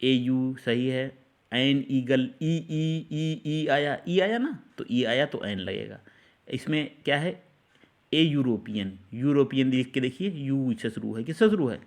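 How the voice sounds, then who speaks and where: A male teacher giving a classroom-style grammar lesson, at an ordinary middle pitch. He walks through each example slowly, repeats the key sounds and keeps putting questions to his students. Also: lively intonation. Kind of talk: Hindi grammar lesson on English articles.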